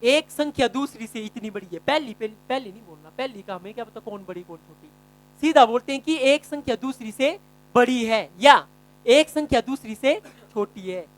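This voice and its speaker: A male math teacher giving a classroom lesson, quizzing students by name and repeating key phrases slowly. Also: very high voice, lively intonation, rough recording.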